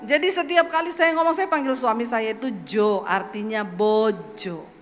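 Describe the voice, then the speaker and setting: A woman pastor from Sulawesi with a Sulawesi accent, telling a lively sermon testimony and acting out the voices in her story. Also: a little high, normal speed, big-room sound, faint music behind.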